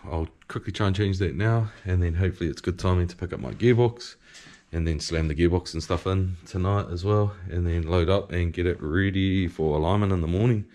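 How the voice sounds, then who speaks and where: A man's voice: sits low, a little fast, a little mellow. A man with a broad New Zealand accent giving a casual, slangy, sweary video diary in a laid-back way. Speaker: vlogger and drift car driver.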